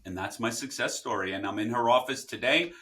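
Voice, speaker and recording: A middle-aged man from the United States, his voice bright and forward. He is a guest on an interview podcast and tells his story with energy, slipping into the voices of the people he quotes. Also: mid-range voice, fairly quick. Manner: animated storyteller who acts out quoted people. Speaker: podcast guest, title company founder.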